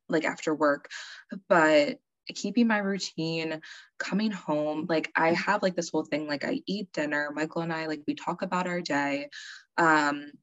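Chatty low-voiced young woman counselor. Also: a bit bright, dry recording, muffled recording. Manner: chatty, many fillers, laughs often. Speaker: licensed counselor, podcast guest. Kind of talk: casual chat.

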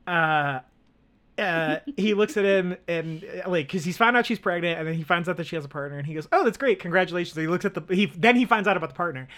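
A man's voice: sits high, fast, fairly bright tone. A man co-hosting a film podcast, talking casually with lots of fillers and restarts. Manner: rambling, many fillers and restarts. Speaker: podcast co-host.

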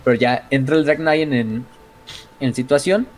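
A man with a Mexican accent, a streamer casually retelling game lore in an excitable, profane way, full of fillers and slang. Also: medium pitch, measured pace. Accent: Mexican Spanish.

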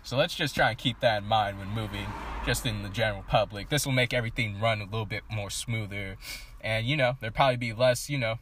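A man co-hosting a casual podcast, explaining his points in a relaxed, lecturing way. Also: on the low side, quick pace, a little hiss or hum. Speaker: podcast co-host.

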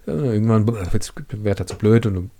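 A man's voice: fairly low pitch, normal speed, warm tone. Enthusiastic male literature lecturer. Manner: enthusiastic, conversational asides. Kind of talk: reading aloud with commentary.

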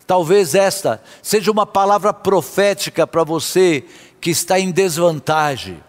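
A man's voice: sits high, expressive, a little slow. A man preaching a sermon as a pastor, impassioned, sometimes half-singing his phrases. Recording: long hall reverb.

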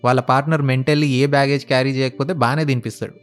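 A man's voice: medium pitch, flat delivery, racing, soft background music. A man telling a relationship story in a casual, blunt and sarcastic way, slipping English phrases into his talk. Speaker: relationship advice vlogger.

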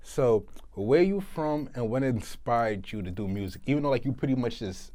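A man's voice: mid-range voice, expressive, moderate pace, warm tone. Hyped young man hosting an interview. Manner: hyped, slangy host talk. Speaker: interview show host.

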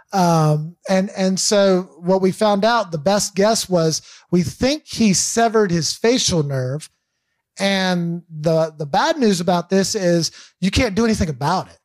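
A man in his thirties telling a personal faith story as a pastor, candid and halting, with frequent restarts and fillers. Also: sits high, dry recording, clean studio sound.

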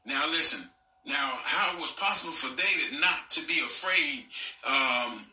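A middle-aged man delivers a sermon and sprinkles "amen" and "praise God" between nearly every phrase. His voice is sharp and bright. He sits some distance from the mic, and the room gives it a clear echo. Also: on the high side, animated, a little slow, soft background music. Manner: preaching with constant "amen" and "praise God" interjections. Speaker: preacher.

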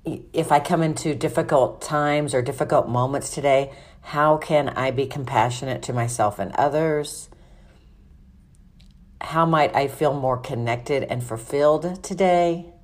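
A woman hosting a podcast, giving informal self-help guidance in a measured, instructional, conversational way. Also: low-pitched. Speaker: podcast host.

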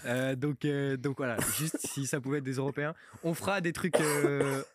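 A young man from Switzerland hosting a casual podcast chat, joking and often trailing off into a quieter voice. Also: medium pitch, fairly even intonation, normal speed, background noise. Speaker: podcast host.

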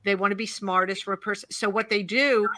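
A woman's voice: medium pitch, fairly even intonation, fairly quick, pushed and bright, dry recording. A woman speaking as a panel guest, explaining with strong emphasis and urging listeners to act. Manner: emphatic, lecturing, urges action. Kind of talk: panel discussion.

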